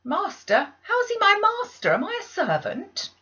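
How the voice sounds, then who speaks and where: Woman reader as young orphan girl, passionate, defiant, storybook, high voice, slightly muffled recording. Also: wildly swooping pitch, normal speed, bright, forceful tone, exaggerated voice. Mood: indignant. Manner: indignant, pleading.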